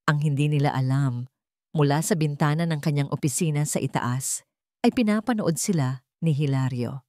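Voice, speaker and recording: A woman with a Filipino accent narrates a scripted romantic drama in a deep, dark voice at normal speed. The studio sound is clean, with no room sound.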